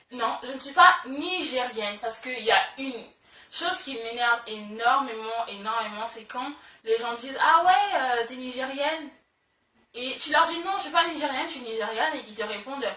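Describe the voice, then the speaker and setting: Her voice sits high with a sharp edge as this young woman, a beauty vlogger, talks chattily to the camera. Fillers and repeated emphatic words fill her speech, and the recording has a roomy echo with the mic somewhat distant.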